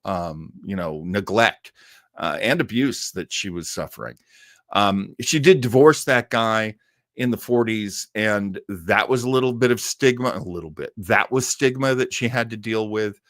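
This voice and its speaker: In a casual livestream for his old time radio web show, a middle-aged host responds to audience comments, rambling effusively and repeating words for emphasis. His voice is lowish with a fairly bright tone. The recording is dry and studio quality.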